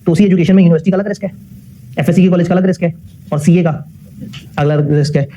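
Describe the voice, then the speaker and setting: A man's voice: high voice, warm tone. A man giving a classroom lecture. He puts questions to the class, answers them himself, and mixes English technical phrases into his talk.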